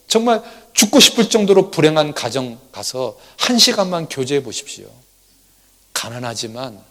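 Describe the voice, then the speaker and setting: A man's voice: mid-range voice, in a large hall. A male pastor preaching emphatically, asking rhetorical questions and dropping at times to a near whisper. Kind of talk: sermon.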